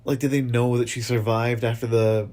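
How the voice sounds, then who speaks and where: A man co-hosts a relaxed podcast and chats casually about a TV episode. He is laid-back and agreeable, and he sometimes pauses and hesitates while he finds his words. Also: medium pitch. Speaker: podcast co-host. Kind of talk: casual chat recapping a TV episode.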